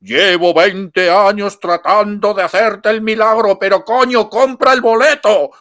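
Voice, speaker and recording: Older guy doing a big thundering god voice, slow, loud, fed up. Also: sits high, steady tone, voice pushed up. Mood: exasperated booming. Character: thundering booming divine male voice, exasperated.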